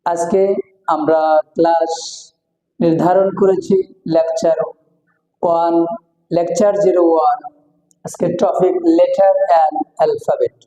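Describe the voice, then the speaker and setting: A Bangladeshi man teaches English letters, slowly repeating each sound as a drill. His voice is dark and mellow, and it rings out in a roomy hall with a long reverb. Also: a little high, fairly even intonation. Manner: slow, repeats words several times for drill. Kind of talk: lecture on pronunciation.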